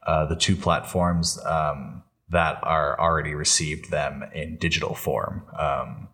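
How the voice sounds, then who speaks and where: A man with a bass voice co-hosts a podcast, casually chatting about Star Wars games and shows. His tone is level, bright, and forceful, his pace a little slow, and he talks in a rambling, hesitant way.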